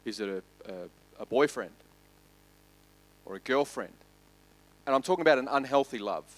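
Delivering a sermon, a male pastor with an expressive, medium-pitched voice ramps up loud and quick through lists before softening into slow, quiet emphasis.

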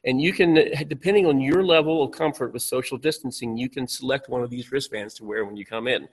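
This man, a pastor leading a church panel onstage, has a husky mid-range voice and a quick pace. His speech is loose, with frequent fillers and false starts. Heard from a distance across the church, the recording carries a long hall reverb.

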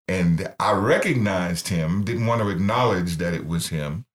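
A man's voice: sits low, expressive, unhurried. A middle-aged man, founder of a ministry, earnestly telling his life story in an interview and acting out the voices he quotes. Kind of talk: personal testimony in interview.

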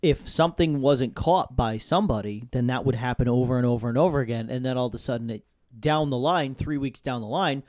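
A man's voice: medium pitch, fairly quick, few pauses, darkish tone, dry recording, clean studio sound. A man co-hosting a podcast in casual banter, joking and swearing freely, with frequent laughs. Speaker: podcast co-host.

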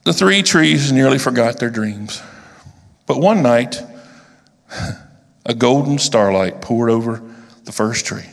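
A man reading a storybook aloud, slow and with deliberate pauses. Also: mid-range voice, lively intonation, gravelly. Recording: long reverb of a large hall.

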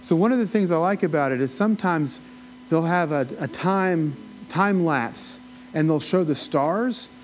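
Man, Appalachian accent, folksy conversational Bible teacher, slightly high voice, noisy recording with a hum. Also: measured pace. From Appalachia, United States. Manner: folksy, rambling asides, asks the listeners questions. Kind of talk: informal teaching, conversational lecture.

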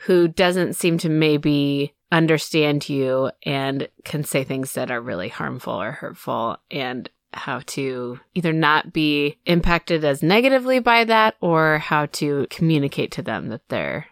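Low-voiced playful woman podcast co-host. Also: lively intonation, a little slow, few pauses, no echo. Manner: playful, jokey. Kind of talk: casual chat.

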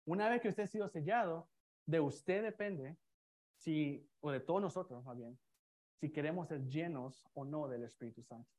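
Conversational preacher, man, higher voice. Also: normal speed, darkish tone. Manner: conversational, many restarts and fillers, asks the congregation questions. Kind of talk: expository sermon. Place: church before a congregation with slides.

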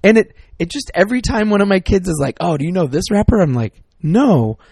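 Talking fairly quickly in a high-pitched, animated voice that's gravelly, husky and darkish, a middle-aged podcast co-host rambles through casual chat. He's exasperated and keeps breaking off mid-word, captured in a dry, studio-quality recording.

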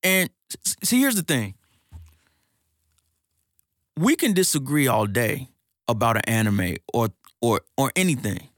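A man's voice: medium pitch, very animated, unhurried, pauses often, a bit bright, no echo, clean studio sound. A man talking casually on a podcast, ranting in slangy street talk with laughing asides. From United States. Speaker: podcast co-host. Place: recording studio.

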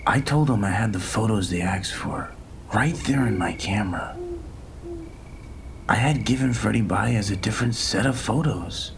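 A man in whispered role-play storytelling, recounting events in a slow, whispered first-person voice. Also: on the low side, gravelly, noisy background.

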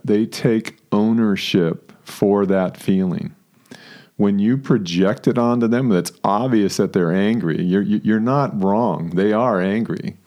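A man's voice: fairly low pitch, warm tone. A man co-hosting a talk show, speaking casually, acting out quoted lines and laughing often. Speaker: podcast co-host.

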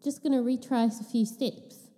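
A woman's voice: a little high, steady tone, moderate pace, warm tone, long reverb tail, close to an everyday voice. A woman voicing a pushy detective with a put-on New Zealand accent, breezy and slangy. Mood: brash.

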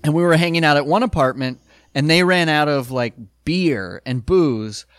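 A grown man telling a wild story in casual chat, animated and laughing, swearing freely. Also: fairly high pitch, moderate pace, clear, resonant tone, dry recording, clean studio sound. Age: adult, older than college age.

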